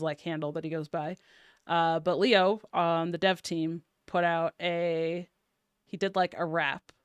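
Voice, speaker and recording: A woman with a low, smooth voice chats about card games in a loose, filler-filled way. The sound is dry and close, with no room around it. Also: dry recording. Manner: chatty, many ums and likes. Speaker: podcast guest. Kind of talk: casual card game discussion.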